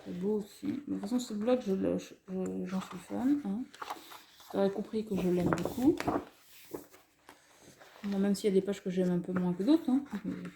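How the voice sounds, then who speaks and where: French woman with a gravelly, mellow voice. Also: medium pitch, normal speed, pauses often. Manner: chatty, self-correcting, showing items one by one. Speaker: craft haul vlogger. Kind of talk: casual haul commentary. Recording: echoey room with faint noise.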